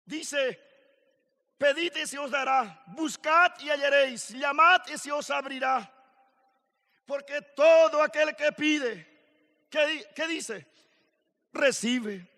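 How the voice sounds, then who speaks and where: A man preaching a sermon at a youth camp, slow and emphatic, building to shouted questions. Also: very high voice, vocal fry. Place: large hall at a youth camp. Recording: long hall reverb.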